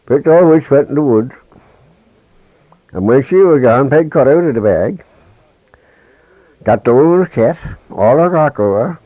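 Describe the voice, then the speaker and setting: A man telling a traditional folk tale in halting dialect speech with many restarts, on a dull lo-fi recording. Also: medium pitch, animated, no echo. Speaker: storyteller.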